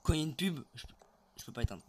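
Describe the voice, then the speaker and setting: A young man narrates his horror game play as it happens, nervous, excitable and quick to swear when something catches him off guard. His pitch swoops widely from low mutters up to sudden yelps. Game music plays behind his voice. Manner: excitable, swearing, jittery and startled. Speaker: gaming YouTuber. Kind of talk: live gameplay commentary.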